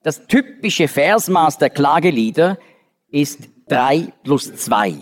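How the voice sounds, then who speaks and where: A man's voice: on the high side, animated, takes it slowly. A man giving a Bible study lecture, explaining step by step with frequent restarts and fillers. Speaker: Bible teacher. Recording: long reverb of a large hall.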